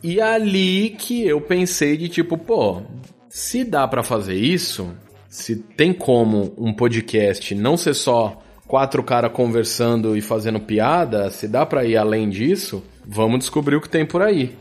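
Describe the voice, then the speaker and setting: This audio drama producer, who has a Brazilian accent, talks slangily and playfully as a podcast guest in a relaxed interview. His mid-range voice is animated yet unhurried and a little mellow, with soft music in the background.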